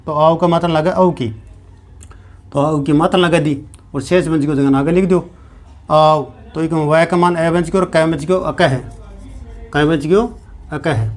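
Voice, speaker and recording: Man, grammar teacher, fairly high voice, repeats each step, answers his own questions. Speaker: Sanskrit teacher. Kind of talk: classroom grammar lesson.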